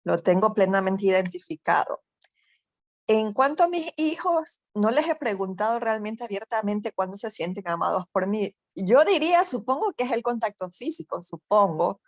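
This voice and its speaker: A woman's voice: medium pitch, lively intonation, moderate pace, dry recording. An adult woman sharing a personal reflection in a thoughtful, slightly hesitant way. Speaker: group participant.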